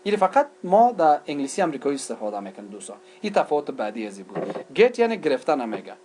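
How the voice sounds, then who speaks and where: A man's voice: fairly high pitch, sing-song, background noise. A man with an Afghan accent, a native Dari speaker, lecturing on English grammar. He switches between Dari and English and asks questions, then answers them himself. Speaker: English teacher. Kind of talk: recorded lecture.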